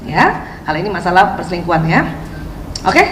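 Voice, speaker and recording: An Islamic parenting speaker gives a religious lecture to women in a lowish, fairly bright, sing-song voice at normal speed. She asks the audience questions and acts out prayers and quotes. The hall is echoey, with faint background noise.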